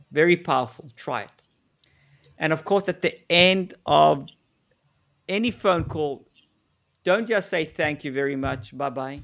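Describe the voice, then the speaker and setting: A man's voice: a little high, creaky, a bit bright. A man presenting a live webinar on negotiation, giving direct, coaching advice with frequent fillers and restarts, heard over a video call.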